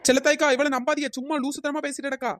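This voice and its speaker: A woman's voice: high-pitched, little pitch movement, no room sound, clean studio sound, lightly acted. A woman voicing a scheming village girl in a cartoon, scolding and sly. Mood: indignant. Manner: quick, scolding and sly, switching to sweet pleading. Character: scheming village girl who sells fake biryani. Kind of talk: cartoon voice acting.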